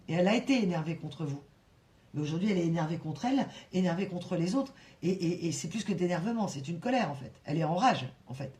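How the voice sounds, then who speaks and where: A woman giving a casual tarot reading, talking in an animated way and full of restarts and fillers. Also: on the low side. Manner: breaks into soft sung song lines. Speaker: tarot reader.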